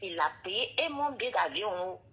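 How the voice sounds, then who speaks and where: A woman from Cameroon with an Ivorian French accent, calling a radio show and talking in a rambling, drawn-out way. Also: medium pitch, expressive, pushed and bright. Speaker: caller. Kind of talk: phone call to a radio show. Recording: muffled phone line.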